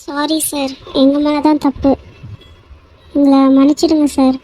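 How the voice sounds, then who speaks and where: A voice actor playing a timid young female staff member in an animated short, pleading and apologizing meekly. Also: high voice, unhurried, slight background noise. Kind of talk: Tamil animated short voice acting.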